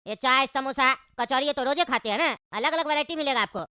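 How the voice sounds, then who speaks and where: A woman's voice: sits high, fast, sharp tone, a little hiss or hum. A woman voicing a persuasive male party organizer in a cartoon. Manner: persuasive, coaxing. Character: smooth-talking male party planner. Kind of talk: cartoon voice acting.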